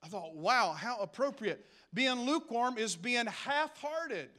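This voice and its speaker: A man preaching a lively, humorous sermon that builds to emphatic calls to action. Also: extremely high pitch, measured pace. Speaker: pastor.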